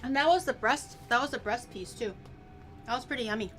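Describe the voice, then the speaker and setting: On a low-quality recording, a streamer with a little high voice talks fairly quickly. Her first language is Mandarin, and she chats and giggles playfully while cooking on a casual livestream set to background music.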